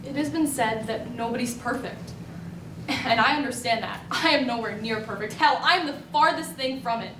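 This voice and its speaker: A young student actor plays Marie, a partner worn down by belittling, in a school stage play, her lines full of bitter, resentful emotion. Her slightly high voice, lightly acted at a moderate pace, was caught by a distant audience camera in an echoing hall with background noise.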